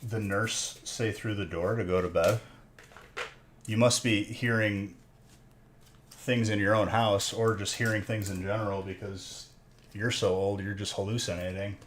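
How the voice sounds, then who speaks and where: A man in his thirties hosts a live stream, opening card packs while chatting casually and teasing his viewers in joking banter. His voice is fairly low and steady, his pace measured, with a little hiss or hum in the audio.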